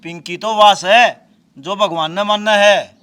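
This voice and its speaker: A man's voice: high voice, fairly even intonation, unhurried, bright, forceful tone, smooth. An actor playing a proud, pious older village father-in-law, speaking with a Haryanvi accent in a lecturing, wounded tone.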